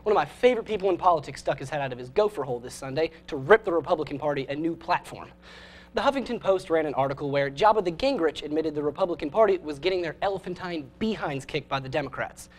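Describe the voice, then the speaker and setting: A man's voice: on the high side, fast talker. Sarcastic young man hosting a comedy update. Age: young adult. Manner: sarcastic, deadpan jokes. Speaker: host. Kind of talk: scripted comedy news segment.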